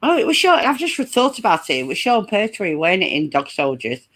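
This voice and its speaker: A woman's voice: mid-range voice, sing-song, a bit bright. A woman, hosting a live stream and chatting casually, giggling often. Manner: giggly, chatty, slow-paced. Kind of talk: casual chat.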